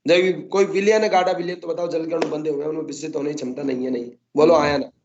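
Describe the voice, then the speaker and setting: A man's voice: a little high, steady tone, quick pace, lo-fi sound, background noise. A male botany teacher lecturing a class, constantly coaxing the students to answer his questions.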